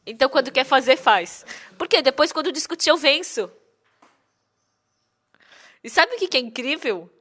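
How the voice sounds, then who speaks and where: A woman interpreting a sermon in a lively way, full of rhetorical questions. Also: high voice, a little slow, pauses often.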